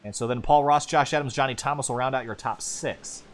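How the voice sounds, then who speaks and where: A man calling sim racing play-by-play as lead commentator, quick and building excitement during the action. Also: medium pitch.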